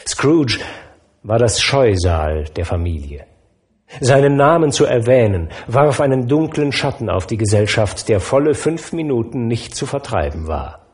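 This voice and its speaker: A man narrating a classic story aloud, expressive and measured. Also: mid-range voice. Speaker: audiobook narrator.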